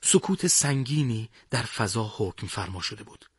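A man narrating a scripted war story in a measured, dramatic way. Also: lowish voice, animated, breathy edge, no room sound, clean studio sound.

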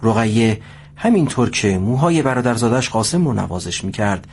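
A man narrating a scripted story at a steady pace. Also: lowish voice, a little hiss or hum.

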